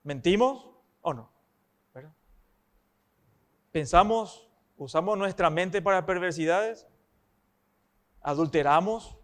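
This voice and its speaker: Man as preacher, higher-pitched, emphatic sermon delivery with rhetorical questions.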